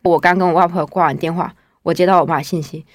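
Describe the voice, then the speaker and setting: A woman's voice: lowish voice, steady tone, fast talker, no room sound, studio quality. A woman in her twenties casually telling her own story in the first person, chatty and wry. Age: 20s. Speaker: guest storyteller.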